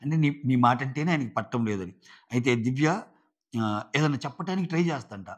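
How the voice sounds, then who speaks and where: A man's voice: mid-range voice, animated, fairly quick, dull audio. A man reviewing a reality show in casual commentary, retelling conversations in paraphrase with many filler sounds.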